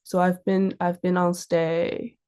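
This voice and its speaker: This young Australian woman from Sydney, a fashion model, is a casual interview guest who tells stories informally. Her voice is on the low side, flat and slow, with a mellow, clear, resonant tone.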